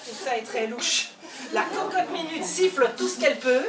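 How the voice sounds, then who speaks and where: A woman with a Belgian French accent performing a theatrical stand-up monologue on stage, swinging between loud outbursts and hushed asides. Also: high-pitched, lively intonation, normal speed, very noisy. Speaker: comedian. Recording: echoey hall, voice from far off, faint ambience.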